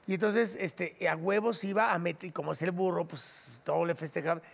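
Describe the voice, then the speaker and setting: A Mexican man in his forties with a high, gravelly voice, chatting casually on a podcast. He swears freely and acts out the lines of other people in his stories. His voice trails into a long, hall-like reverb. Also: a little fast. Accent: Mexican Spanish. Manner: profane, animated storyteller, acts out quotes. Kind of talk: casual chat.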